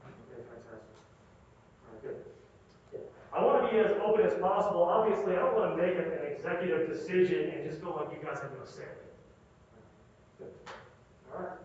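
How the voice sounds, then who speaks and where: A man's voice: fairly high pitch, lively intonation, a little fast, pauses often, a little mellow, a little hiss or hum. A male university lecturer speaks through a face mask in a very echoey classroom, picked up by a distant, dull-sounding microphone. His delivery is informal, and he often repeats phrases and checks in with the class.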